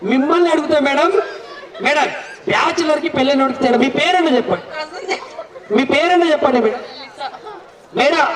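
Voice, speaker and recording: High-voiced teasing man emceeing a wedding. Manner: teasing, playful, coaxing the crowd. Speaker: event emcee. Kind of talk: joking emcee banter with guests. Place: wedding celebration with a crowd. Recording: echoey, distant mic with crowd noise. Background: crowd.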